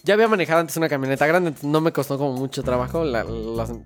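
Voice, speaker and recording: A young man from Mexico with a Mexico City accent, telling a story in casual chat, slangy and animated, often laughing. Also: medium pitch, rapid-fire, over music. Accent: Mexico City Spanish.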